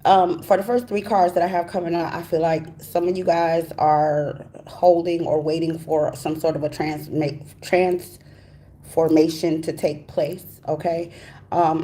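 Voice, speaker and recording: Low, mellow woman talking through braces. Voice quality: slightly impeded speech from wearing braces. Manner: informal, folksy, direct address to viewers. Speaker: tarot reader, host of a live reading. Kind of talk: casual chatty live tarot reading.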